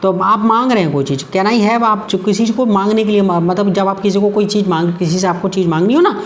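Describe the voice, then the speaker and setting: Woman teacher going over grammar, keeps repeating stuff, reads examples out slow, middle pitch. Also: slight background noise. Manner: repeats points and reads example sentences slowly. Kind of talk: explanatory lesson.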